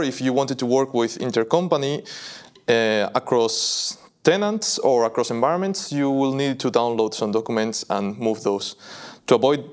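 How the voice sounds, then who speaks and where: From a video studio indoors, a young adult software presenter runs a live demo walkthrough, speaking at a medium pitch.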